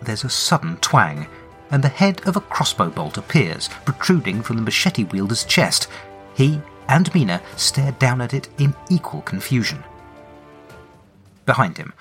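A man's voice: mid-range voice, fairly bright tone. A man narrating his own tabletop adventure with wry, dramatic storytelling. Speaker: game master and narrator. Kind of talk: solo tabletop role-play narration.

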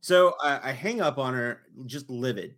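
A man hosting a podcast, telling a story with animated, exasperated retelling in casual chat. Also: medium pitch, moderate pace. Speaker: podcast host.

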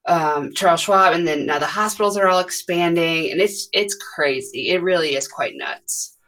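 A woman in her thirties from the US Midwest, a podcast guest chatting casually and rambling with many pauses. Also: on the low side, fairly bright tone. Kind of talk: casual conversation.

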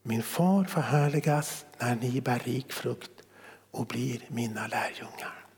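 A man preaching a sermon, reading scripture slowly, dropping to hushed whispers and then rising sharply for emphasis. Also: mid-range voice, long reverb tail. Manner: swings from hushed whispers to sudden emphatic rises.

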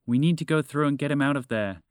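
A shaken father speaks earnestly and haltingly in a children's storybook, as a man puts him on. The voice sits slightly above the narrator's normal one, and the recording sounds close and dry. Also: on the high side, no echo, pitched above the performer's own voice, lightly acted.

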